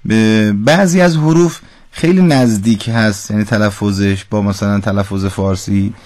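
A man's voice: lowish voice, a little mellow, no echo. Patient man teaching radio recitation. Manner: patient, corrects pronunciation precisely. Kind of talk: call-in radio lesson.

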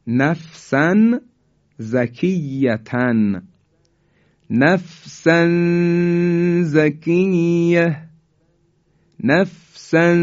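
A male teacher giving a recitation lesson, explaining quickly and then reciting each example slowly and drawn out. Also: mid-range voice, darkish tone. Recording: dull lo-fi recording.

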